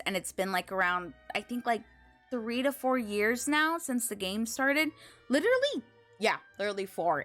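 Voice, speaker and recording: Game music plays behind a woman livestreamer whose voice is high-pitched and fairly bright. She gushes gratefully to her viewers in a casual chat, full of girlish slang.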